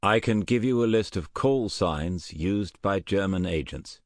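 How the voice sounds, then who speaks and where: A man's voice: deep voice, unhurried, dry recording, studio quality. A man voicing an earnest, careful German officer who has defected, answering questions politely in an audiobook. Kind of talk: audiobook character voice.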